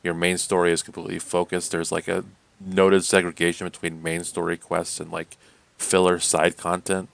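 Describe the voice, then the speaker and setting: Gravelly low-voiced man chatting casually. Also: monotone, moderate pace, no room sound. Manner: rambling, full of "like" fillers, laughs often. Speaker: podcast co-host. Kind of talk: casual gaming chat.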